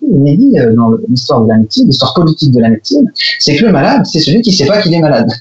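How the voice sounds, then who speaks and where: A man, an author and philosopher, answering interview questions thoughtfully, often pausing on fillers as he searches for words. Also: a little high, big pitch swings, a little mellow, roomy sound, lo-fi sound, soft background music.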